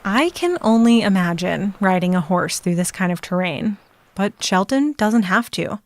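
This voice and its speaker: A woman narrating a documentary in a clear, descriptive storytelling style. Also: medium pitch, lively intonation, moderate pace. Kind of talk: scripted narration.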